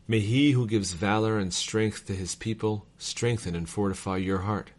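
A man reading old letters aloud in a measured, formal cadence, as a reader of devotional texts. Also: fairly low pitch.

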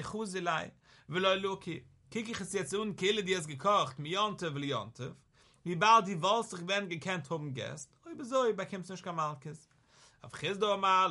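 Bright-voiced man teaching Talmud. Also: high-pitched. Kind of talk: Yiddish-style Talmud lesson.

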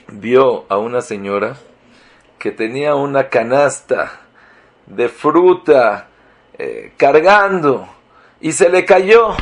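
Animated man giving a religious talk. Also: a little high. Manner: animated, swings between loud emphasis and soft asides; uses Hebrew religious terms.

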